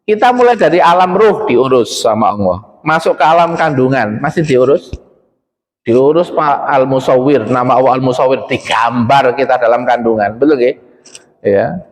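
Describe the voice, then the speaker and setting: A man's voice: medium pitch, expressive, moderate pace. A man with an East Javanese accent preaching in a mosque, talking conversationally and addressing the congregation directly with frequent questions. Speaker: Islamic preacher. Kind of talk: mosque sermon. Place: mosque hall. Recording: long hall reverb.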